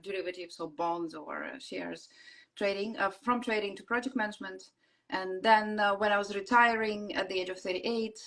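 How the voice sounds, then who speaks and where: A woman in her forties with a Russian accent, a guest chatting on a video call, full of fillers and quick laughs. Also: medium pitch, vocal fry, fairly bright tone. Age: 40s. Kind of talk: casual interview chat.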